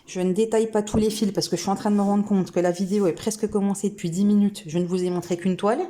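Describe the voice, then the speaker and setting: A woman's voice: medium pitch, steady tone, quick pace, warm tone. A woman hosting a craft video, chatting casually and enthusiastically as she unboxes cross-stitch kits, thinking aloud with many hesitations. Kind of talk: casual unboxing chat to camera.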